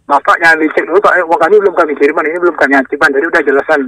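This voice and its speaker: A man's voice: a little high, steady tone, very fast, sharp tone, dry recording, far from the mic. A man on a phone call giving repetitive, insistent instructions and often checking that he is understood. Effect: heard over the phone. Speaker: phone scam caller.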